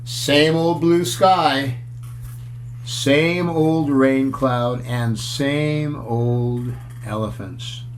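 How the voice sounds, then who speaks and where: In a steady, medium-pitched voice, a man reads a children's picture book as a story, chatting with his listeners between pages about the pictures and posing questions. Slight background noise is present.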